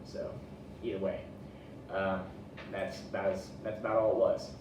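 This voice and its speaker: A student presenter, a young man, speaks to his class in a relaxed, folksy manner with a low, darkish voice, flat delivery, and moderate pace. He's recorded from a distance in a noisy, echo-filled indoor room.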